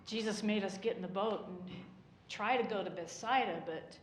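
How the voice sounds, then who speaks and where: A woman's voice: mid-range voice, moderate pace, a little hiss or hum, close to an everyday voice. A woman voicing an old male fisherman disciple who tells, in a wistful and rambling way, how worn out he once was. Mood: weary, wistful. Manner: rambling, wistful storytelling with sighs of exhaustion. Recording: echoey church room.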